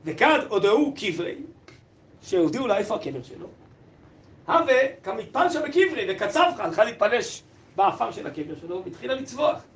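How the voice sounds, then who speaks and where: A man's voice: high-pitched, sing-song, reverberant. A man teaching a text-study lesson, reading old sources, translating them aloud and putting questions to the class.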